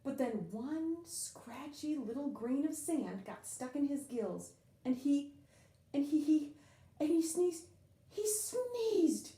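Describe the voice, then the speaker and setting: Reading expressively from a children's picture book, a woman with a high voice stretches and stresses key words dramatically. The recording is reverberant.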